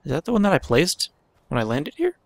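A gaming channel host with a fairly high voice and some vocal fry chats casually over his own gameplay, mostly talking to himself. He speaks in quick bursts when excited, and there's no echo.

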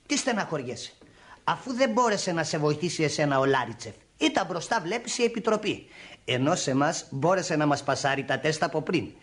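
A swaggery nosy man in a radio drama, high and bouncy. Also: very animated, fairly bright tone. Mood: swaggering. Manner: swaggering, coaxing. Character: boastful, nosy male busybody.

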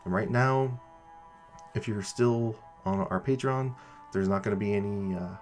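A podcast creator and host with a fairly low voice gives listeners an informal announcement at a measured pace, using casual language with some mild cursing, while music plays in the background.

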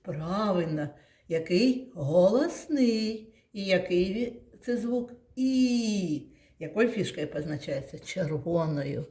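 A woman's voice: fairly low pitch, lively intonation, a little mellow. Patient woman teacher in an echoey room. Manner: slow, patient, sounding out words for children. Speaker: kindergarten teacher. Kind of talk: classroom lesson for young children.

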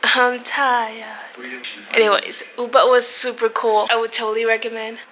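A woman's voice: on the high side, little pitch movement, normal speed, fairly bright tone. A woman in her twenties chatting casually as a travel vlogger, filming herself at arm's length, playful and giggly. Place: outdoors walking streets and forest, and hotel room. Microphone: handheld camera at arm's length.

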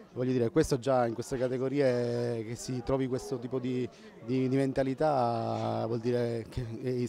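A man in his fifties speaks in a creaky, dark voice of middling pitch. He is being interviewed outdoors after a football match. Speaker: football club representative. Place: outdoors by a fence at a football ground. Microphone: handheld interview microphone.

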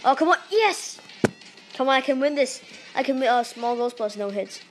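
A Malaysian woman who hosts a gaming channel gives excitable let's-play commentary into a tablet microphone held up to her face, yelping and pleading at the game in her Malaysian accent. Her voice sits high at normal speed, against a noisy background.

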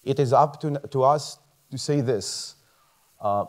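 A man's voice: mid-range voice, measured pace. Earnest man on stage. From Croatia. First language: Croatian. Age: 30s. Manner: lively and earnest, chuckles often, restarts words. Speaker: medical student giving a talk. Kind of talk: motivational stage talk. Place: large dark theater stage.

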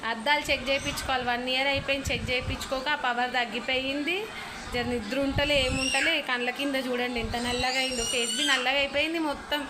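A woman's voice: high voice, steady tone, fast talker, very noisy. A woman, chatting casually to viewers while cooking in her home kitchen. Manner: chatty, talks straight to viewers. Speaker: family vlogger.

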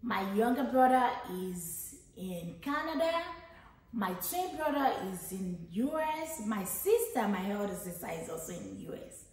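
In a very echoey room, a vlogger in her thirties from Nigeria talks casually so viewers can get to know her, frequently starting over as she thinks out loud. She has a Nigerian accent and a mid-range, sing-song voice, a little slow and mellow.

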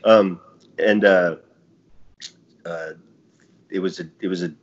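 Middle-aged guy from chile, really low voice, rambly, keeps restarting, kinda dull lo-fi sound. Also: fairly even intonation, slow, a little hiss or hum. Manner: rambling, self-interrupting storyteller. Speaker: podcast guest. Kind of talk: casual podcast conversation. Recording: dull lo-fi audio.

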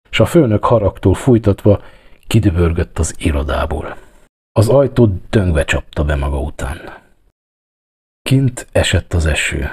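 A man narrating a written story in a calm, measured way. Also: low voice, slightly rough.

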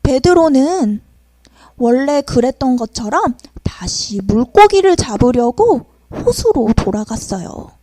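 A young adult woman preaching to children, telling a story in an animated, sing-song way and speaking to the children directly. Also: high-pitched, slow, no echo.

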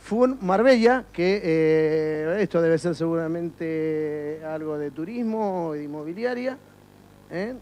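High-voiced joking TV host. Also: male voice, slow, a little mellow. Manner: joking, teasing banter with mock outrage. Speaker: comic TV host. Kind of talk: comic street interviews. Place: indoor studio and shops. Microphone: handheld microphone.

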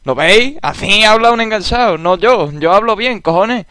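A man's voice: high voice, normal speed, bright, forceful tone, clear, resonant tone, dry recording. A young man with an Andalusian Spanish accent, joking through casual gameplay commentary in a laid-back, drawling way. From Andalusia, Spain. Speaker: gaming YouTuber.

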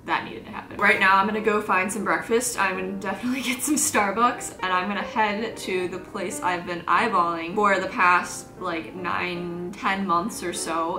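A woman's voice: on the low side, rough recording. A woman with a Midwestern accent, congested, chatting casually in a travel vlog and rambling with lots of fillers while filming herself on a phone. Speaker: travel vlogger. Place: car and around town.

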